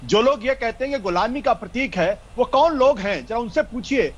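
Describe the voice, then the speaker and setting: A man's voice: very high-pitched, animated, moderate pace, lo-fi sound. A male panelist in a political debate, arguing through pointed rhetorical questions.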